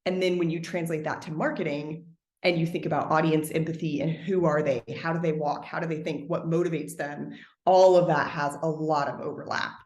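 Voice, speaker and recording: Her intonation fairly even and her pace brisk, a woman with a slightly mellow voice talks in a roomy-sounding space. She's a podcast guest in a conversational interview, speaking thoughtfully and at length with frequent "like" fillers, and her speaking voice is lower than the range she sings in as a trained singer.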